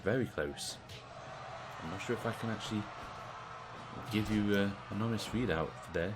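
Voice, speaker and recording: Low-voiced British man commentating. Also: normal speed, background noise. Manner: chatty, relaxed, asks the audience. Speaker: host and commentator of a video game wrestling stream. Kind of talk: casual play-by-play commentary.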